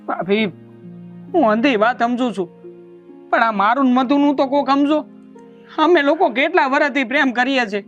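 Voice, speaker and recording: A performer playing a lovesick young village brother-in-law, pleading and whiny. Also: male voice, very high voice, moderate pace, long pauses, muffled recording, faint music behind.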